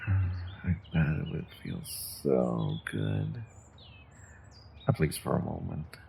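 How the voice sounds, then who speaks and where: Speaking in an extremely low, gravelly yet mellow voice, heavily acted and animated, a man slowly delivers an intimate second-person monologue as an evil sorcerer in a scripted fantasy roleplay. The controlled, menacing captor condescends to and taunts his prisoner with theatrical deliberation. A faint hiss or hum can be heard.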